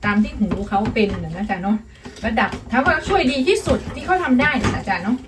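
A woman's voice: fairly high pitch, very animated, fast, background noise. Chatty woman, distant in a kitchen. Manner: chatty, addresses viewers as family. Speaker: vlogger. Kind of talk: casual chat while cooking. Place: home kitchen.

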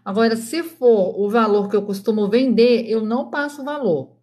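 A woman's voice: fairly high pitch, normal speed, dark tone. Brazilian woman, thirties, casual live-stream chat, talks straight to viewers, home at night. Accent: Brazilian Portuguese. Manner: chatty, addresses viewers directly, keeps voice down for sleeping kids. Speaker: craft live-stream host.

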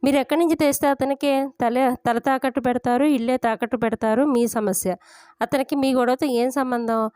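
Lady reading as snappy sarcastic young wife, angry, pretty high and clear voice, dry sound. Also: fairly even intonation, moderate pace, a little mellow, no echo, lightly acted. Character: angry young married daughter, sharp-tongued.

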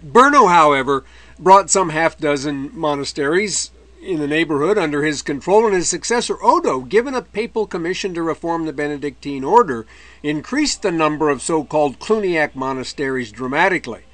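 A man's voice: fairly high pitch, lively intonation, normal speed, a bit bright, dry recording. A man giving a recorded history lecture, explaining in a conversational way with dry asides and occasional mid-word self-corrections.

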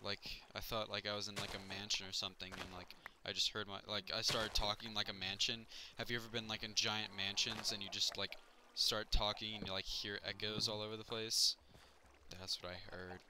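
Excitable young man narrating his gameplay. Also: lowish voice, a little fast, background noise. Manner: chatty, excitable, yelps when things go wrong. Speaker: gaming YouTuber. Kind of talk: Minecraft let's play commentary.

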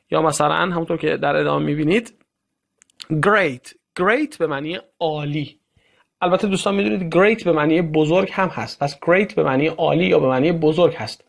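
Male teacher, gravelly voice, slow and patient, repeats every phrase. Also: a little high, fairly bright tone. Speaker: English teacher. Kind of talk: explaining English to Persian learners.

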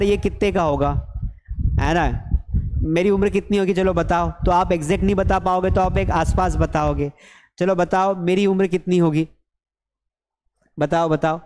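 Animated high-voiced young male teacher. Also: moderate pace, slight background noise. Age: young adult. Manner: animated, mixes Hindi and English, jokes with viewers. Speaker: English teacher. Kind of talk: live online lesson, chatty. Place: classroom studio with blackboard. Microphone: headset mic.

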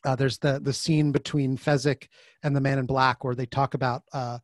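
A man's voice: mid-range voice, normal speed, no room sound. A man talking as a podcast guest over a video call, chatting casually and animatedly, acting out the voices in his stories. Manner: animated, acts out quoted voices mid-story. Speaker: podcast guest, author and design facilitator. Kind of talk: casual conversational interview.

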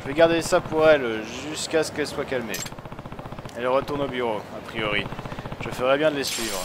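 A man's voice: medium pitch, a little fast, background noise. A man giving casual commentary on a video game, ranting and swearing crudely as he plays. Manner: crude, foul-mouthed ranting. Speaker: let's play gamer. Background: game music.

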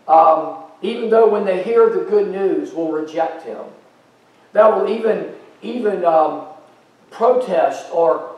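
A man's voice: high voice, a little mellow, far from the mic. A middle-aged American man preaching a sermon as pastor, in a conversational, folksy way with fillers. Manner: paces and gestures while preaching. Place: church sanctuary stage. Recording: very echoey church from afar.

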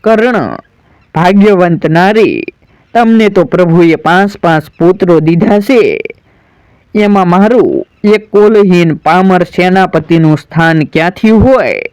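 A solemn, declamatory warrior son pleads with sorrow, as a man storyteller recites him. The voice sits high and moves slowly, smooth and clear. It sounds dry and close, with no room around it. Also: darkish tone, dry recording. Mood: sorrowful. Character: grieving proud warrior son, adult man.

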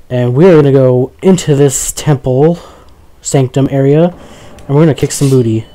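A young man giving casual, chatty let's play commentary, joking with his viewers and reacting out loud as he plays. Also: medium pitch. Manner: chatty, jokey, talks to the viewers, easily startled. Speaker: gaming commentator.

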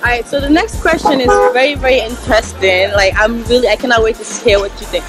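A young woman co-hosting a street interview outdoors, bubbly and quick to laugh. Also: fairly high pitch, loud music behind the voice. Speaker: guest co-host.

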